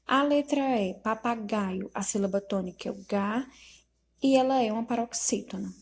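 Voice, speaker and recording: Husky teacher woman correcting exercises. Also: mid-range voice, a little mellow. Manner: slow, explanatory, spells out syllables. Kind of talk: reading and correcting school exercises.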